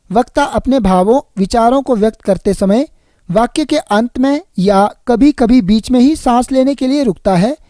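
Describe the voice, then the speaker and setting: A woman reading a scripted grammar lesson in an even, measured way. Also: on the high side, no echo, studio quality. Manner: even, measured read-aloud delivery. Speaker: Hindi grammar tutor.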